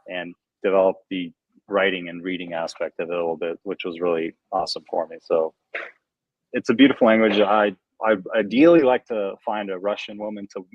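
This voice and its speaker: A man's voice: lowish voice, dry recording. A young American man, a guest DJ and producer, chatting casually and rambling on a livestream video call. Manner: relaxed, rambling, filler-heavy. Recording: dull, dry lo-fi sound.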